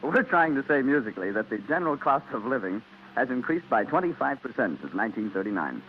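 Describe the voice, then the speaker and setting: An American man with a medium-pitched, sing-song voice reads a sponsor script quickly on a 1940s radio broadcast. He sounds conversational and persuasive, asking listeners rhetorical questions, and the studio recording is muffled and noisy.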